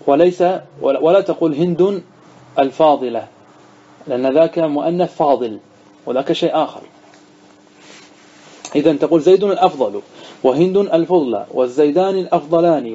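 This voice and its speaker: A man's voice: fairly high pitch, mellow, slightly rough, muffled recording. A man, a sheikh, teaching an Arabic grammar lesson, reading a text aloud, then explaining it and quizzing his students.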